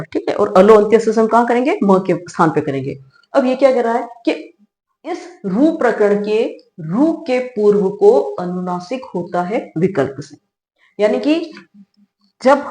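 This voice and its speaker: A middle-aged woman with a slightly high, somewhat mellow voice gives a grammar lecture, explaining things step by step. She asks rhetorical questions and answers them herself, often checking in with a short "theek hai," meaning "all right." The recording quality is rough.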